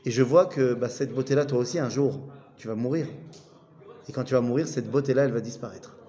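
A man's voice: mid-range voice, fairly quick, mellow, big-room sound. A man giving a casual study lesson, reading old texts aloud and retelling them in chatty, joking speech. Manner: reads Aramaic, then retells it in chatty, joking French. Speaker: teacher.

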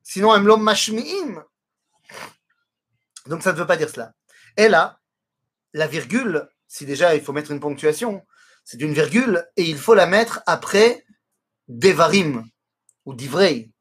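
A man teaching a Torah lesson, explaining words slowly and weaving in Hebrew quotations. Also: on the high side, sing-song, fairly bright tone, husky.

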